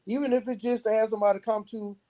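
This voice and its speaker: Appearing as a podcast guest, the founder of a youth outreach organization explains things earnestly, raising rhetorical questions and answering them himself. His voice is high and mellow, with fairly even intonation, and he speaks at a racing pace.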